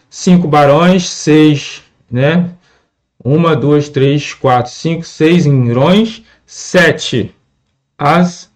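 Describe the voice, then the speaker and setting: A man teaching a lesson on scanning verse, patient and repetitive, often checking in with "né?". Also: on the high side. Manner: patient, repeats words and asks "né?" often. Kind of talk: classroom lesson explaining poetry scansion.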